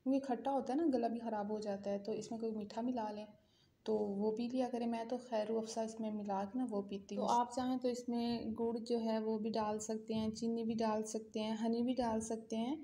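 A young Pakistani woman with a Pakistani Urdu accent vlogs from a room at home, chatting casually and speaking straight to her viewers. Her voice is warm, a little high, and level, and she talks briskly. The room is echoey with faint ambience and a little hiss or hum.

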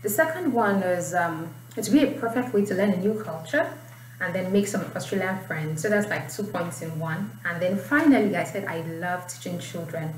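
A young adult woman with a Nigerian accent and a fairly low, animated voice explains and reads aloud at normal speed in her casual IELTS writing tutorial. The recording, made in a small indoor room with a distant mic, is roomy and faintly noisy.

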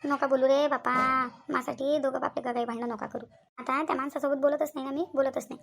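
A woman's voice: sits high, fairly even intonation, fast, gravelly, fairly bright tone. A woman voicing an aggrieved middle-aged mother in a cartoon, with a whiny, lamenting manner. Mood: self-pitying. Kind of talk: cartoon voice acting.

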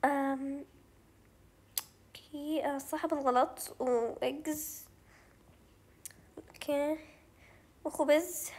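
A young woman with a Levantine Arabic accent hosts a gaming channel, doing let's play commentary as she plays, thinking aloud and slipping English words in. Her high-pitched voice is steady and slightly mellow, and she speaks slowly with long pauses.

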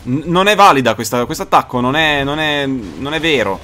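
Excitable young man. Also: mid-range voice, brisk, music in the background. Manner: excitable, swears, shouts at the game. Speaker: gaming YouTuber. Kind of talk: let's play commentary.

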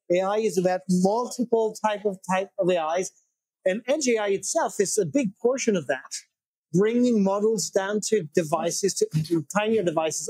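A male host in his forties with a high, husky voice, guiding a conversation and dropping frequent short acknowledgements. The sound is dry and close, from a lapel mic. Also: darkish tone, no echo, poor audio. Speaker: show host. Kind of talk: conversational interview hosting. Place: small wood-paneled room, indoors.

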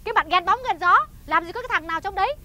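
A fiery, sharp-tongued wife from a stage comedy sketch, with a Northern Vietnamese accent. Her voice sits very high and sounds bright, and she rattles off scolding tirades at speed. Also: racing, slight background noise. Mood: mocking.

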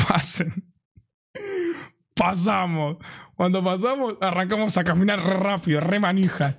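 A young man with a Rioplatense Argentine accent telling an animated, slang-heavy story to his stream chat. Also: sits high. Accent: Rioplatense Spanish. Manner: animated, slangy, mimics friends in raised voice.

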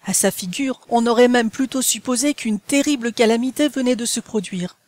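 A woman narrating a classic novel as an audiobook in a measured, even storytelling manner. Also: on the high side, no echo.

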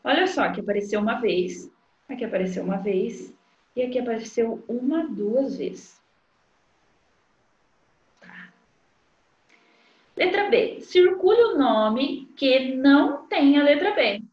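A woman teacher, talking young children through a literacy worksheet in a slow, sing-song way. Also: on the high side, expressive, darkish tone. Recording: dull, echoey room sound.

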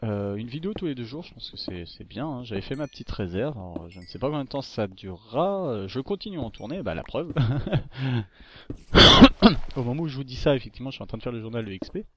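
Very animated and a bit quick, this gaming YouTuber speaks in a mid-range, somewhat bright voice while chatting loosely about his game and sweet-talking the creatures on screen. His desktop mic produces lo-fi audio with slight hiss or hum.

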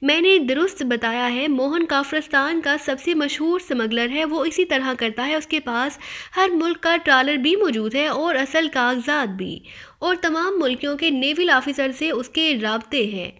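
A woman voicing a terrified male smuggler who pleads in a halting, panicked way. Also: high voice, a bit bright. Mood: fearful pleading.

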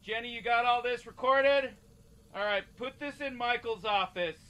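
On a noisy cassette-tape recording, a man with a very high, pushed, bright voice speaks at normal speed. He is playing a casual casting director in improvised comedic game acting, stumbling and repeating himself in an offhand, businesslike mood.

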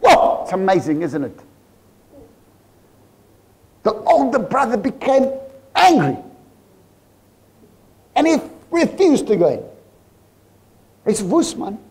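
A man with a South African accent preaching a sermon in church, animated and full of rhetorical questions to the congregation. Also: sits high, takes it slowly, pauses often, husky. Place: church service.

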